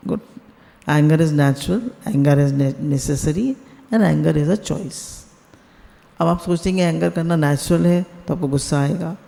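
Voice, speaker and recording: A man's voice: a little high, creaky, warm tone, big-room sound. A man giving a spiritual discourse on a video call. He asks his listeners questions and mixes English words into his talk. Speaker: satsang speaker.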